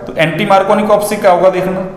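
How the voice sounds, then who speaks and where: A man gives a chemistry lesson in a loose, conversational way, asking the class questions and answering them himself. His voice sits high. The room behind him rings with heavy, long reverb. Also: flat delivery, normal speed. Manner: conversational, full of rhetorical questions and "ना" tags. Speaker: chemistry teacher. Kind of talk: classroom lecture.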